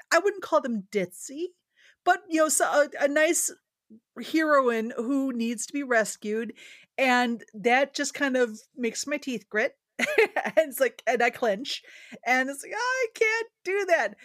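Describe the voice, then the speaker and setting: A woman's voice: on the high side, no room sound, clean studio sound. A woman hosting a podcast and chatting casually with a guest, teasing and laughing often. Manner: laughs a lot, lively teasing. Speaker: podcast host and writer.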